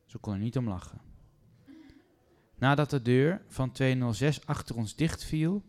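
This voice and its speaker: A man reading a first-person story aloud in a calm, measured way. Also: medium pitch.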